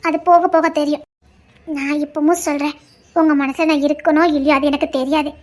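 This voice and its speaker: A woman's voice: sits high, level tone, brisk, close to an everyday voice. A woman voicing a stubborn, loving young wife in an audio drama, talking earnestly and insistently. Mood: devoted, pleading.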